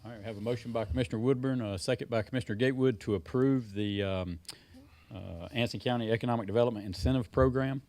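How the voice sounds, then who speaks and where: A man's voice: medium pitch, fast talker, a little mellow. A man chairing a public county board meeting, brief and agreeable, moving through procedure.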